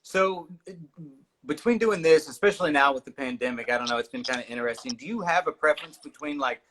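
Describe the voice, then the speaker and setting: A man hosting a casual livestream interview, energetic and jokey with lots of fillers. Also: fairly high pitch, fast talker, slight background noise. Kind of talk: casual upbeat livestream chat.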